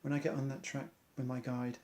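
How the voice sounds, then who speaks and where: A man's voice: medium pitch, level tone, a little fast, darkish tone. A man, an amateur athlete, earnestly reciting an inspirational monologue in loose rhymes.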